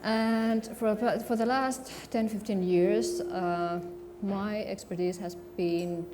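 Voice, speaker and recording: A woman's voice: medium pitch, steady tone, slow pace. A woman from Finland, speaking on a conference panel hesitantly, with many fillers. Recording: room noise in a conference venue.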